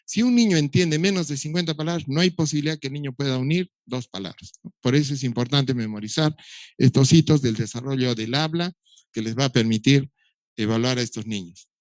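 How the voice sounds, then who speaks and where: A man's voice: medium pitch, a little fast, no room sound. Man lecturing on child speech. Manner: explanatory, imitates baby sounds, dry humor. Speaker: doctor lecturing on child development. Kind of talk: recorded lecture.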